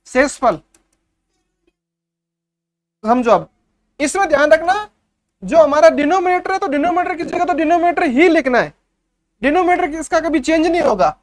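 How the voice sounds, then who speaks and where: With a very high voice, a man leads young pupils through a maths revision lesson step by step, regularly making sure they have understood.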